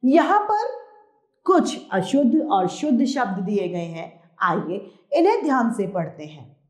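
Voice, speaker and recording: Woman teacher doing a kids lesson, slow, very up and down, roomy echo. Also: mid-range voice, a little mellow. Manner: slow, emphatic, stresses key words. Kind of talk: children's grammar lesson.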